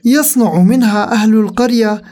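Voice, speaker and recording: Expressive woman reading a children's story. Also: a little high, brisk.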